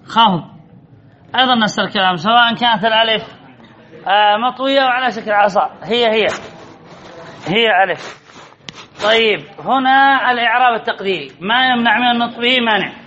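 A male grammar teacher giving a classroom lesson, repeating key phrases and quizzing his students with drawn-out words. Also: very high voice, sharp tone, highs cut off.

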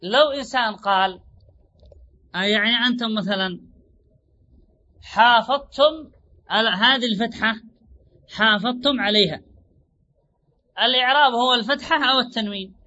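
A man teaching grammar in a classroom lecture, repeating his points, drawing out example words slowly and asking rhetorical questions. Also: extremely high pitch, sharp tone. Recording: dull lo-fi recording.

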